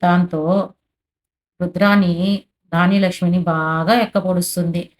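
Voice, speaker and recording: A woman narrating a TV serial episode recap in a plain, steady storytelling manner, leaning on the same filler phrases. Her voice sits somewhat low for a woman and stays even. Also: a little slow. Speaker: serial recap channel host.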